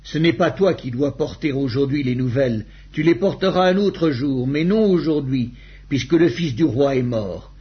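A man reading the curt lines of a stern male army commander in a husky voice. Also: medium pitch, normal speed. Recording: dull lo-fi recording.

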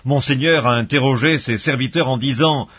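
A man reading the part of a grown man humbly pleading with a ruler, in a husky voice, in a bible reading. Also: medium pitch, normal speed, lo-fi sound, lightly acted. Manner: humble, beseeching.

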